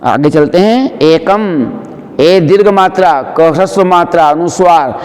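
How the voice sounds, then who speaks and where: A high-pitched man gives a slow, patient chanting lesson. He breaks each word into syllables and then sings it back long and drawn out. His voice trails off in a long, hall-like reverb. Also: darkish tone. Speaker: chanting teacher. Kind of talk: pronunciation lesson for a Sanskrit prayer.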